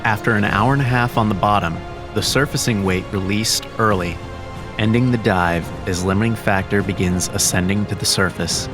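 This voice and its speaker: Male narrator for a scripted documentary, low pitch, clear music behind. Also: moderate pace.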